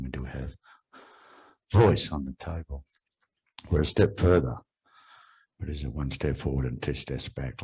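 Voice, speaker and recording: Deep raspy aussie elder man doing a welcome speech, slow and reflective. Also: darkish tone, low-quality recording. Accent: Australian. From Australia. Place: large room with an audience.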